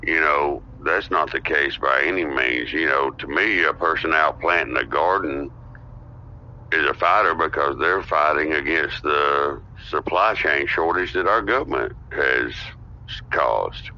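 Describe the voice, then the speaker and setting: Very deep and sharp-toned, this podcast guest talks a little slowly during casual political conversation, quick to agree and full of "you know." The lo-fi recording is muffled with a faint layer of noise.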